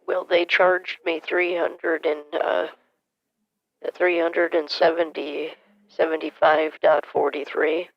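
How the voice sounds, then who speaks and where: A man's voice: fairly high pitch, level tone, takes it slowly, gravelly, no room sound. A man putting on the voice of a frail, confused elderly woman who is hard of hearing and stammers, asking for things to be repeated. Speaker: caller posing as a victim. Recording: muffled phone call.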